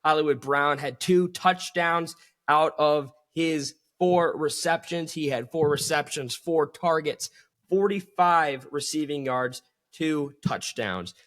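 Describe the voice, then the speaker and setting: A man's voice: fairly high pitch, slow pace, fairly bright tone. A man hosting a solo sports podcast, talking with enthusiasm and calling his listeners folks.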